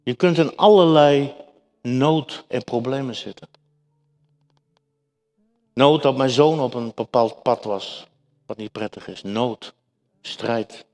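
Slow emphatic preacher in an echoing hall. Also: male voice, mid-range voice, darkish tone. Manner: emphatic, repetitive, addresses congregation directly. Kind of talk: sermon. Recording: echoey hall with long reverb.

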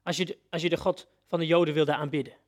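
A man's voice: a little high, steady tone, fast. A man preacher giving a sermon, telling a story vividly and addressing his listeners directly.

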